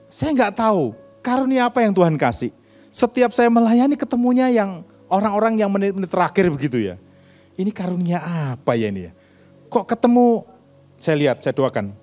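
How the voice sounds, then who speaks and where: Animated older pastor telling stories. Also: male voice, high voice, brisk, faint music behind. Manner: animated storytelling, acts out dialogue. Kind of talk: sermon with personal stories. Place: church.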